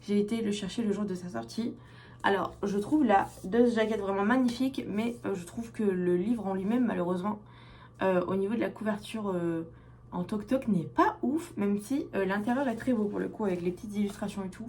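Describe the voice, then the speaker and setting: A woman from France chatting casually as a book vlogger, often pausing with fillers as she lists her reading picks. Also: medium pitch, darkish tone, a little hiss or hum. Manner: hesitant, many filler pauses. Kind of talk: casual book haul chat.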